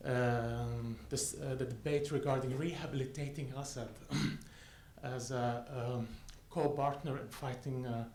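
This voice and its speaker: A man's voice: mid-range voice, steady tone, unhurried, darkish tone. A man from Aleppo, an audience member asking a question at a panel, hesitant and full of fillers. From Syria, Aleppo. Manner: hesitant, many fillers and restarts. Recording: roomy hall, faint noise.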